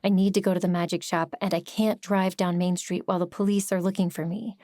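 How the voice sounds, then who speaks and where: A woman's voice: lowish voice, level tone, a little fast, mellow, no room sound, clean studio sound. Woman narrating a cozy mystery audiobook. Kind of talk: first-person novel narration.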